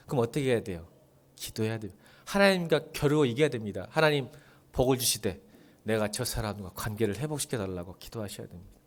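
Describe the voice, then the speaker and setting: Male pastor, fairly high and very animated voice, preaching with rhetorical questions and big soft-to-loud swings. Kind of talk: sermon.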